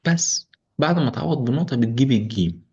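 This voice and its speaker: A man's voice: mid-range voice, expressive, quick pace, a little mellow, breathy edge, highs cut off. A male math teacher with an Egyptian accent, walking through an exam's solutions with joking asides to students. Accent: Egyptian Arabic. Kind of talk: exam solution walkthrough.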